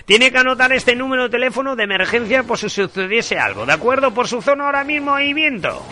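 Man, radio host, prank call, insistent, repeats himself, high sharp voice. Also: animated, fast, a little hiss or hum. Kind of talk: live prank phone call.

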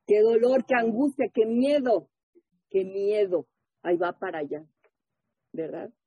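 A woman speaking at a recovery group meeting, giving her testimony and reading aloud, animated and often asking the listeners questions. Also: mid-range voice, unhurried, breathy edge, dry recording. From Mexico. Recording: muffled phone-like audio.

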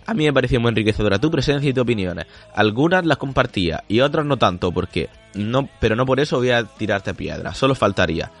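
A man's voice: mid-range voice, fairly bright tone. Laughing, swearing male podcast host. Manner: laughs often, swears casually. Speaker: podcast host reading listener comments. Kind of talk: casual podcast chat.

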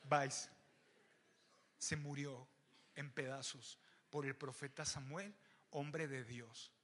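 A young man with a Mexican accent preaching an animated, joking sermon to young people, often raising his voice. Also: medium pitch, slow pace. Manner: animated, joking, shouts to the crowd. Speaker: youth preacher. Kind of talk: lively sermon.

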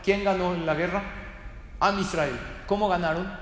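High-voiced man lecturing in an echoey hall. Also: steady tone, normal speed, a little hiss or hum. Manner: storytelling, poses questions to the audience. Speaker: rabbi teaching a class. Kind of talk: religious study lecture.

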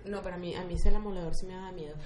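A Venezuelan woman co-hosting a podcast, an animated storyteller who mimics voices. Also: lowish voice, very fast, roomy sound, a little hiss or hum. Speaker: podcast co-host. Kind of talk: casual chat. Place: studio.

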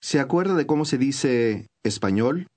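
A man giving clear, patient scripted instructions as a language course narrator. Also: medium pitch, expressive, moderate pace, a little mellow.

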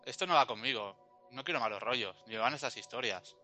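A man's voice: mid-range voice, brisk, pushed and bright. A man from Spain acting a reluctant, grumbling friend in a radio drama. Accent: Spanish from Spain. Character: reluctant, uneasy young adult male friend. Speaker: friend at a Christmas gathering. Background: faint background music.

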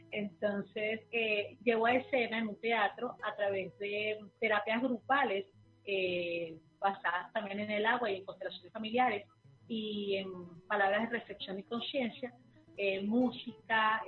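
A Venezuelan woman, a therapist and guest, answering interview questions quickly, with many fillers and restarts. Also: mid-range voice. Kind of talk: remote interview. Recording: tinny phone line.

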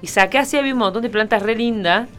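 A young woman with an Argentine accent, co-hosting a radio show, chatty and quick to laugh. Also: fairly high pitch, loud music behind the voice. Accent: Argentine Spanish. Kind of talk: casual chat.

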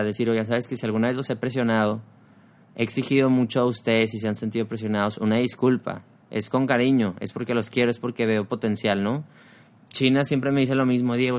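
A young man with a Mexican accent, hosting a relaxed motivational podcast in a casual, slangy way, often tagging his points with a questioning aside. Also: medium pitch. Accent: Mexican Spanish. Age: young adult. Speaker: podcast host.

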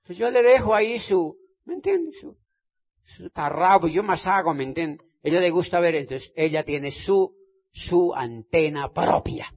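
A man's voice: sits high, animated, measured pace. A man giving an emphatic motivational stage talk, repeating phrases and checking that listeners understand. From Colombia. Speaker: motivational speaker. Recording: dull lo-fi sound.

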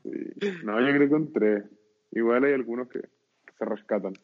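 A man's voice: medium pitch, normal speed. A young man with a Chilean accent, chatting casually and telling stories in slangy, talkative speech. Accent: Chilean Spanish. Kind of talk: casual chat. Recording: tinny phone-like line.

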